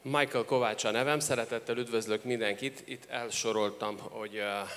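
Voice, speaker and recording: A man working as a live consecutive interpreter, with a halting delivery. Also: mid-range voice, steady tone, fairly bright tone. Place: large reverberant hall. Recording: echoey hall with background noise.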